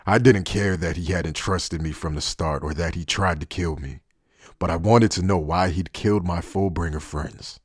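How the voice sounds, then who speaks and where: Deep and husky, the voice belongs to a man acting out a world-weary former Soul Reaper turned traitor in anime fan dub work. He stays guarded and wry, relaxed but deliberate, sounding bitter and resigned, all captured in a close, completely dry recording.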